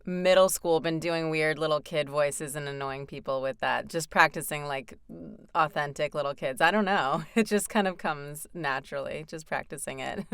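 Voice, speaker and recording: A young American woman, a voice actor, chatting casually as an interview guest, laughing often and filling pauses with ums. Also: low voice, a bit bright, clear, resonant tone, dry recording, studio quality. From United States.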